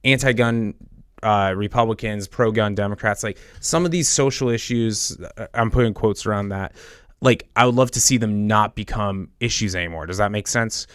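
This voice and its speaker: A young man casually talking politics with his brother, animated and nerdy with joking asides. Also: on the low side, clean tone, no echo, clean studio sound. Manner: animated, self-described nerd, quick jokey asides. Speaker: podcast co-host.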